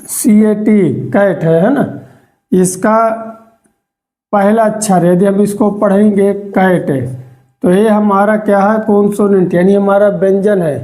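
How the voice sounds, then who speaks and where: Teacher, grammar lesson, very slow pace, dark soft tone, repeats and stretches words. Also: medium pitch. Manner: repeats words and checks in with the listener.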